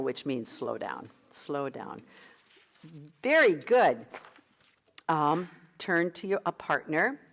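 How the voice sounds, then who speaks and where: A woman with a Midwestern accent coaching a choir in rehearsal, breaking into sung lines to demonstrate. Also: lowish voice. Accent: Midwestern American. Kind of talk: rehearsal instruction.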